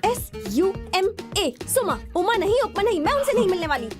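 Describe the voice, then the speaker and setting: A woman's voice: very high voice, sing-song, rapid-fire, over music. A young woman dubbing a proud, headstrong medical student who indignantly corrects people. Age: young adult. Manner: indignant, corrects her name sharply. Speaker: medical student, hero's love interest. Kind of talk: Hindi film dubbing.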